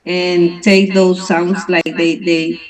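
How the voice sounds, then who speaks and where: Slow, halting Mexican Spanish-accented woman. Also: on the low side, flat delivery, rough recording. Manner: hesitant, many fillers and restarts. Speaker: club member. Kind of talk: casual online conversation. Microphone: video call.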